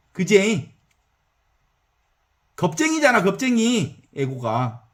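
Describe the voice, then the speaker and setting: Male priest, Jeolla accent, lively folksy sermon, fairly high voice. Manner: animated, folksy, asks the audience for assent.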